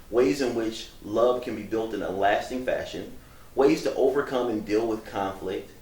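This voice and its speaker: A man hosting a talk show, who introduces his guests and asks them questions in measured, formal phrasing. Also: fairly low pitch. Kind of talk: interview hosting. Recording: echoey room, distant mic.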